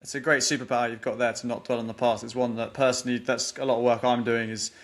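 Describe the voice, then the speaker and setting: A podcast host with a mid-range voice talks quickly and flatly while wrapping up an interview and asking questions. He comes across as earnest and appreciative, often repeating words.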